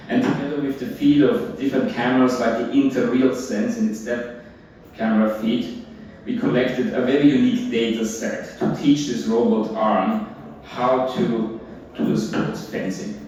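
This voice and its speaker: A man delivering a hackathon demo pitch in a promotional, slogan-like manner. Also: a little mellow. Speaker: hackathon team presenter. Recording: echoey hall from far off, faint noise.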